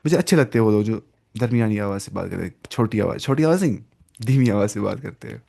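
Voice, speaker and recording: A man teaching an online Arabic lesson in with English words mixed in, reading Arabic phrases slowly and then explaining them. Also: on the low side, expressive, creaky, mellow.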